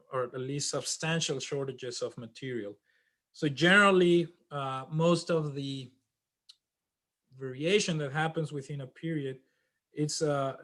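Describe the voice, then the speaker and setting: A man teaching an online class over a video call, halting with many restarts and fillers. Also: fairly high pitch, fairly bright tone. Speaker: instructor.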